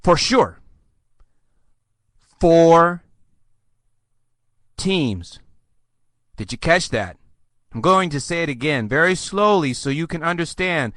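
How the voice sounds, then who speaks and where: A man's voice: fairly high pitch, animated, normal speed, sharp tone, no room sound. A man hosting a podcast, ranting sarcastically with theatrical mock outbursts. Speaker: podcast host. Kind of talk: sarcastic solo podcast rant.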